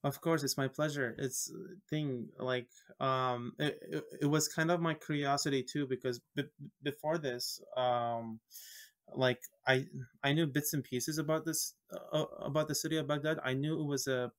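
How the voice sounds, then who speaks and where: Halting, soft-spoken man from Iraq. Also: mid-range voice. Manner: halting, many restarts while searching for words. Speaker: podcast guest. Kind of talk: casual podcast chat.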